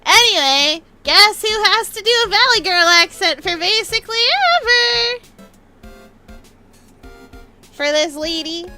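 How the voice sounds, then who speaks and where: A woman streamer chats casually through a game playthrough. Her voice is high and bright, with lively swings and playful asides. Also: unhurried, long pauses. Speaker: gaming streamer. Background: music.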